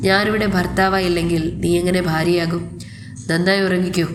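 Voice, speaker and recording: A woman voicing a reserved young husband who speaks quietly and evenly in a storybook reading. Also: fairly low pitch, steady tone, noisy background, close to an everyday voice. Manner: quiet, measured, cool.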